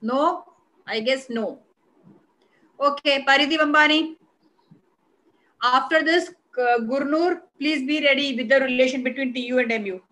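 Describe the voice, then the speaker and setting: A woman's voice: high-pitched, moderate pace, long pauses, sharp tone, rough recording. A woman with an Indian accent teaching an online class as an economics teacher, instructive and repeating key phrases for emphasis. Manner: switches between English and Hindi. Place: online video call class.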